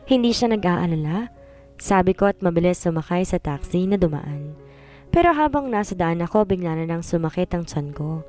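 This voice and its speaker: A woman with a lowish voice narrates a dramatic first-person story, her delivery plaintive and emotional. Soft music plays faintly underneath. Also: lively intonation, brisk.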